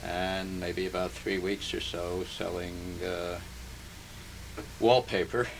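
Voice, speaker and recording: An older man, originally from Hungary and brought up in New Jersey, is interviewed for an oral history. His gravelly, low delivery stays flat and slow, halting with many pauses and fillers as he digs for memories, while tape hiss is plainly audible.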